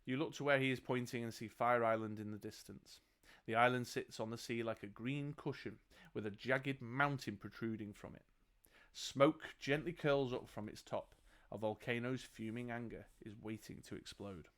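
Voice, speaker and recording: A man's voice: medium pitch, steady tone, moderate pace, fairly bright tone. A man reading a fantasy gamebook aloud as game master, laughing and joking between passages. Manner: laughs often, jokes between read passages.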